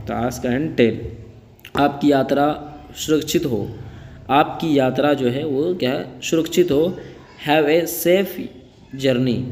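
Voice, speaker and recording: A man teaching spoken English, saying each phrase slowly twice and then explaining it quickly in Hindi. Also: medium pitch, darkish tone, long reverb tail.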